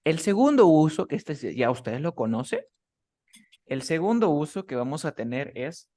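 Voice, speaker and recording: A man's voice: medium pitch, darkish tone. A man teaching English grammar in a one-on-one class, explaining rules step by step and checking often that his student follows. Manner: patient, keeps checking understanding with short questions.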